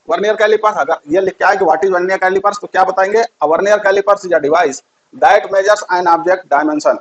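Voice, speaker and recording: High-voiced man teaching physics. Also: low-quality recording. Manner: repeats key terms, asks quiz questions. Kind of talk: classroom physics lesson.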